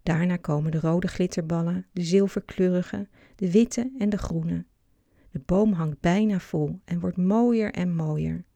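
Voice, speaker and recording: A narrator calmly reading a children's story aloud. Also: mid-range voice, unhurried, vocal fry, no room sound.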